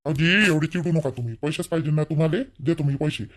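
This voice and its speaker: A man's voice: fast talker, fairly bright tone, natural voice. Man playing a meek pleading younger brother. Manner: low, pleading, apologetic.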